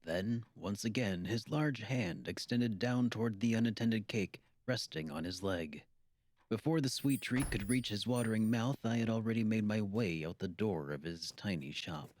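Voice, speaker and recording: A male audiobook narrator with a lowish voice, reading in a steady, measured way. His delivery is even and deliberate, and it carries the story forward calmly. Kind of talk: scripted narration.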